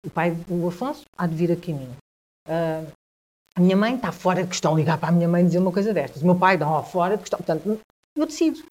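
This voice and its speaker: A woman with a European Portuguese accent, telling a personal story as a guest in a conversation, with halting speech, frequent restarts and repeated words. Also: lowish voice, lively intonation, darkish tone, dull audio.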